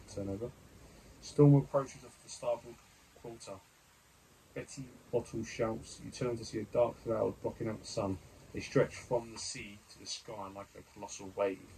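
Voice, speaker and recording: A man's voice: fairly low pitch, gravelly, darkish tone, slight background noise, rough recording. A man reading an adventure gamebook aloud as he plays, muttering over his dice rolls and choices with hesitant fillers. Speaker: gamebook player and reader.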